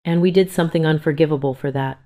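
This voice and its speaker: A woman's voice: deep voice, fast, dark tone, lightly acted. A woman voicing a scornful young daughter-in-law who turns remorseful, in a plain read-aloud delivery.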